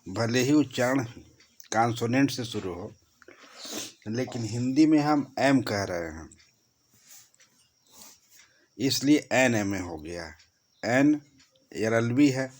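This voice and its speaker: A man with a Hindi accent teaching a grammar lesson, explaining slowly and repeating key points. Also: mid-range voice, a little mellow.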